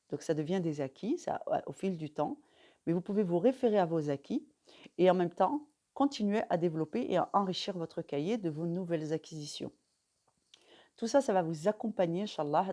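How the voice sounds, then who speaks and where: A French-speaking religious teacher gives an instructional talk to camera in a lowish voice. She stays calm and measured, pausing often and using fillers.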